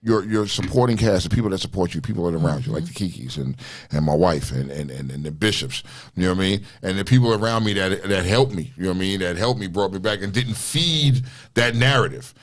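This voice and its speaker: A man's voice: sits low, fast talker. A man in his forties hosting a casual talk show, talking loosely and emphatically and often tagging his points with "you know what I mean?". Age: 40s. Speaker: show host. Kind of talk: casual podcast chat.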